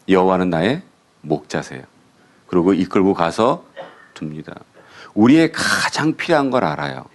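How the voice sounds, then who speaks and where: A male pastor giving a sermon, asking the congregation questions and answering them himself. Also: low-pitched.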